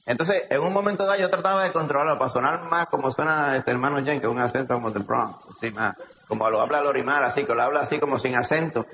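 A man with a Puerto Rican accent preaching a sermon, animated, asking rhetorical questions and calling listeners brother. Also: medium pitch, fast talker, a little hiss or hum. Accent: Puerto Rican Spanish. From Puerto Rico. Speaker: pastor. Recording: echoey hall, slightly dull sound.

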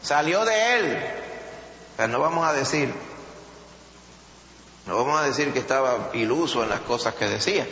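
A man with a Puerto Rican Spanish accent preaching a sermon, animated, acting out quotes with a rising voice. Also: medium pitch, normal speed, long pauses. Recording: echoey hall, dull sound, faint noise.

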